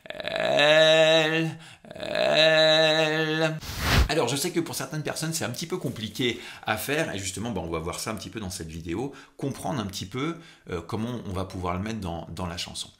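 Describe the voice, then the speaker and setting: A man's voice: lowish voice, expressive, fast talker, few pauses, slight background noise. A man giving an informal vocal technique lesson as a singing coach, conversational and instructional, drawing out key words for emphasis.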